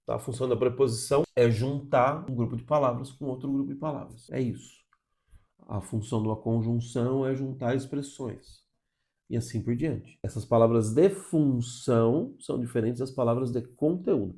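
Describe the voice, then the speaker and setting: A man's voice: mid-range voice, normal speed, vocal fry, dark tone. A man from Brazil with a Brazilian Portuguese accent, teaching English pronunciation in an explanatory online lesson. He keeps checking in with short tags and asks and answers his own questions. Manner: didactic, checks in with frequent "tá?" and "ok?" tags.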